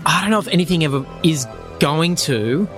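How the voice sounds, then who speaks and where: A man's voice: fairly high pitch, animated, normal speed, music in the background. A man co-hosting a podcast in an easygoing, jokey way, with many short agreements. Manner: laid-back, jokey, lots of short agreements. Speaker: podcast co-host. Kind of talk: casual chat.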